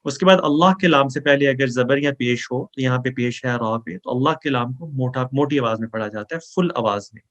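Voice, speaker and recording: A man teaching Quran memorization, explaining recitation rules and reciting verses slowly for students to repeat, with English words mixed into his talk. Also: mid-range voice, a bit bright, muffled recording. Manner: mixes English words into speech.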